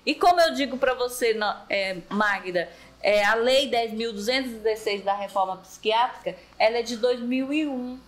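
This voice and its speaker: A woman's voice: fairly high pitch, moderate pace. A woman, a mental health worker, explaining things earnestly in a casual panel talk. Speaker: mental health professional guest.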